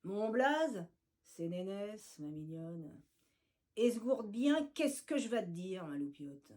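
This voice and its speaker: A woman voicing a big scarred ginger tomcat who leads a street gang, speaking in a low, honeyed, slangy drawl. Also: big pitch swings, takes it slowly, a little mellow. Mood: honeyed menace.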